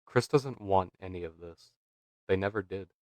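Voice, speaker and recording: A low-voiced man reads a scripted video essay, measured and dramatic, leaning into rhetorical questions. The sound is dry and close, with no room around it. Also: a little mellow, no room sound. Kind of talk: scripted narration.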